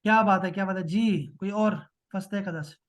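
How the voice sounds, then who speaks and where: A man with a high voice teaches an Arabic reading class in Urdu. He reads slowly, translates line by line, and frequently offers encouraging praise.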